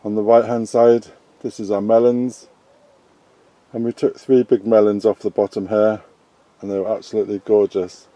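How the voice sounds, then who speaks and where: A man's voice: on the low side, highs cut off. A middle-aged British man giving a casual, chatty tour of his allotment polytunnel while filming as he walks. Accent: British English. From England. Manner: relaxed, chatty, unhurried. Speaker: allotment gardening vlogger. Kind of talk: casual garden tour narration. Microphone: handheld camera filming as he walks.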